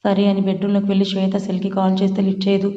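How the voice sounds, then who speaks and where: A woman narrates a romance serial in an even, conversational storytelling manner. Her tone is flat and mellow. The recording sounds dull and echoey, with a long reverb tail. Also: medium pitch, very fast.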